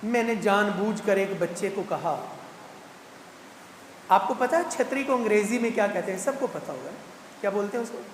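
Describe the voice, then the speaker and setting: A man, giving a lively mosque talk at a Quran gathering and putting playful rhetorical questions to the congregation. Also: sits high, long pauses, a little hiss or hum. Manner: animated, teasing rhetorical questions to the crowd. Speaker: guest speaker at a Quran completion gathering. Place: large mosque hall. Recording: echoey mosque hall with long reverb.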